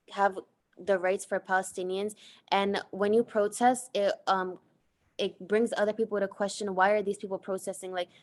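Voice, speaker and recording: Earnest and reading straight from her slides, a young American student presents a class project. She leans on filler words often, and her voice sits at a medium pitch.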